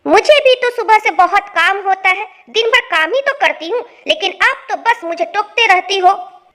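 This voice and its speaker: A very high, bright young bride, voiced by a woman, who whines and answers back at every turn. It is a stubborn, sulky cartoon-story voice. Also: animated, normal speed. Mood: defiant. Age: young adult. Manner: whiny, talks back.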